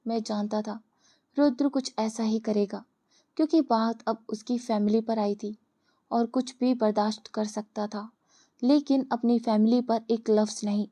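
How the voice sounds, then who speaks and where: A woman voicing a loyal young male henchman who mutters quietly to himself. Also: on the high side, steady tone, unhurried, lightly acted. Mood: muttering.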